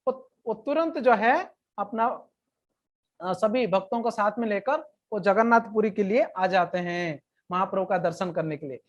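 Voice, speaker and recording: A woman's voice: fairly high pitch, muffled recording. Woman giving a chatty devotional lecture. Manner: plain conversational retelling, now and then reciting verse slowly. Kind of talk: storytelling religious lecture.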